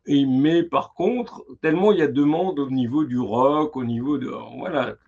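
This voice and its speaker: A man hosting a casual live-stream interview, talking in a halting way as he searches for his words. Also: medium pitch, a little mellow. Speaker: interviewer, live show host. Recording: muffled lo-fi sound.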